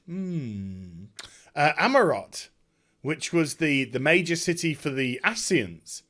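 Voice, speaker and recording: Speaking with a fairly high pitch, this male gaming creator retells a story in a relaxed, excited way. He stresses words heavily, stops and starts, and wanders as he goes.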